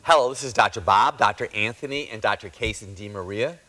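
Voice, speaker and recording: A man hosting a health talk show as a chiropractor, speaking emphatically and slowing down to stress his points. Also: lowish voice, music in the background.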